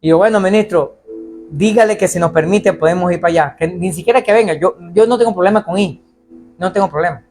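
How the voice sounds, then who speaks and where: A man preaching a sermon as pastor in a church, animated and acting out the voices of people he quotes. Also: sits high, fast talker, faint music behind.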